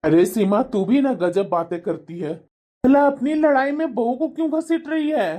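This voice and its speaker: A woman voicing a middle-aged husband in a cartoon who tries to calm his wife's quarrel. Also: high-pitched, moderate pace. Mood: soothing. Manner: soothing, dismissive. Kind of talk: animated cartoon voice acting.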